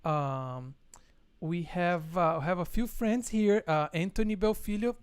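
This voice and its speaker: Brazilian guy hosting a chill chat, clear smooth voice, dry close mic, lots of uhs. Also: high voice, measured pace, no echo. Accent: Brazilian Portuguese. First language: Portuguese. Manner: relaxed, laughs often, many fillers. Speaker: host and guitar teacher. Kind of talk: casual online interview.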